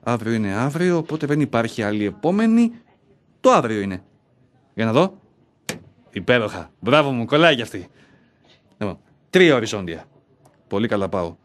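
Brief: male actor as a middle-aged, self-loathing bank clerk in a stage monologue, muttering and quarrelling with himself, pitch swinging widely. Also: very animated, pauses often, close to an everyday voice. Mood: wry, musing. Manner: talks aloud to himself, argues with his own self. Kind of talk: theatrical monologue.

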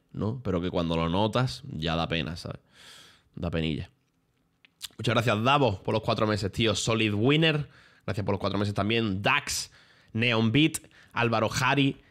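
A young man, streaming and telling stories in casual chat, full of slang and swearing. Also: lowish voice. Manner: animated storytelling with lots of slang and swearing.

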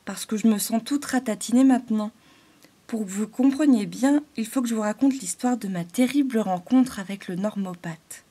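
A woman's voice: on the high side, normal speed, hardly any pauses, warm tone, husky. A woman voicing a timid little female thought-spirit, a glowing halo, in a fairy-tale audiobook. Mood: shy. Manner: shy, hesitant, growing earnest.

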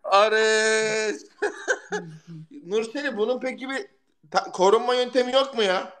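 A man hosting a casual live stream, loud and excitable, shouting thanks for gifts and swearing casually. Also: high-pitched, unhurried. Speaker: livestream host.

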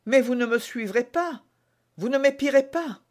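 A man's voice: very high voice, moderate pace, darkish tone, voice pushed up. A man with a French accent voicing an anxious, secretive young woman in an audiobook, pleading and urgent. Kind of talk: audiobook reading.

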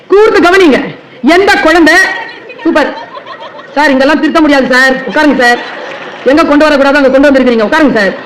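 A woman teacher giving a public speech at a book fair, telling stories lively and speaking straight to the crowd. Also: high voice, echoey room, slight background noise, poor audio. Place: large hall at a book fair.

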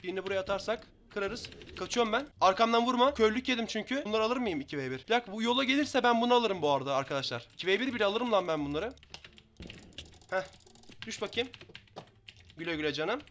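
Fast, bright-voiced young gamer man. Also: high-pitched, slight background noise. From Turkey. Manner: fast excitable banter, taunting opponents. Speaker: gaming YouTuber. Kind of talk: live Minecraft gameplay commentary.

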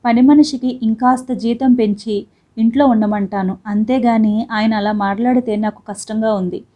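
A woman's voice: fairly high pitch, steady tone, normal speed, warm tone, close to an everyday voice. A woman reading the part of a proud young working wife who argues back sharply and indignantly.

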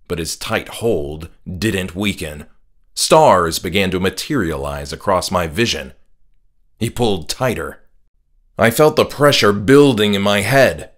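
The man is the author reading his own scripted horror audiobook, playing a dramatic first-person storyteller. His voice leans low and slightly bright, and music plays behind him.

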